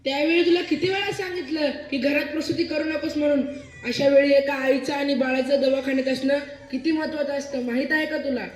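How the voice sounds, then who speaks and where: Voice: high-pitched, steady tone, fairly quick. A child playing a firm, scolding husband in a school stage play. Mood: stern. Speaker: student actor playing a husband. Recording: echoey hall with music.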